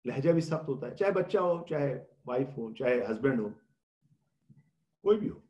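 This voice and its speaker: A man's voice: mid-range voice, animated, darkish tone, roomy sound, lo-fi sound. A man giving a religious lecture, explaining patiently, asking rhetorical questions and answering them himself, with English words mixed in. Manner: mixes English words into speech. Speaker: religious scholar giving a Ramadan talk.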